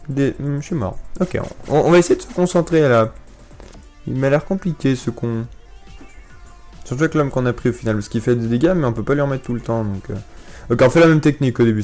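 A young man giving playful, casual commentary while playing a video game, repeating words and bursting out in sudden excitement. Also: medium pitch. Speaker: gaming YouTuber. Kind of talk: casual let's-play commentary.

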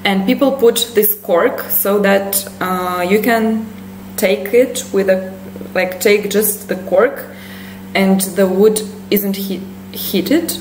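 A young Russian-accented language teacher explains internet memes during a lesson, chatting casually with lots of fillers and laughter. She speaks slowly at a medium pitch in a small, echoey indoor room, with a little hiss or hum in the recording.

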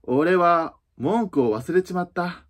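A man voicing a brusque, impatient male Gryphon in a storybook reading, talking quickly and gruffly. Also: high voice.

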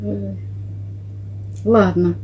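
A woman's voice: medium pitch, fairly even intonation, extremely slow, a little mellow, a little hiss or hum. A middle-aged woman hosting a vlog, chatting casually with a friend in a jokey, colloquial way. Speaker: vlog host. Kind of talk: casual chat with a close friend. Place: small wood-panelled living room, indoors. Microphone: camera across the table.

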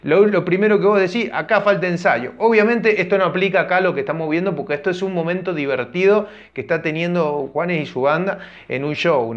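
Chatty high-voiced man. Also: fairly bright tone, highs cut off. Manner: chatty, thinks aloud with fillers and restarts. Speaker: reaction video host. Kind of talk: casual commentary over a concert clip. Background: music from the video.

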